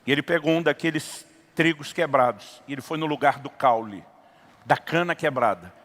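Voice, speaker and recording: A man's voice: a little high, moderate pace, a bit bright. A middle-aged Brazilian pastor with a Brazilian Portuguese accent, preaching a sermon and acting out dialogue as he tells a story. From São Paulo state, Brazil. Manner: acts out dialogue in a story, builds to impassioned preaching. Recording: long reverb of a church hall.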